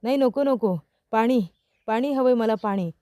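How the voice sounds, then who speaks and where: A woman's voice: on the high side, moderate pace, dark tone, clear, resonant tone, no room sound, studio quality, close to an everyday voice. A woman voicing a young husband who teases his wife and then patiently explains, asking rhetorical questions. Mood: pleading. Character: young man, teacher, teasing then earnest.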